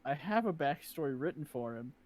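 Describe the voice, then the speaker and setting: A man's voice: a little high, expressive, a little fast. A man playing his character at a tabletop game, joking and sardonic. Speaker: player.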